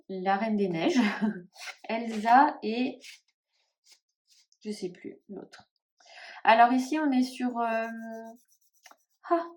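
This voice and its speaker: A woman with a northern French accent chatting casually to camera about tarot decks, often pausing and trailing off as she searches for names. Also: on the high side. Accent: northern French (Ch'ti). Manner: hesitant, musing, many fillers and trailing off. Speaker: tarot vlogger.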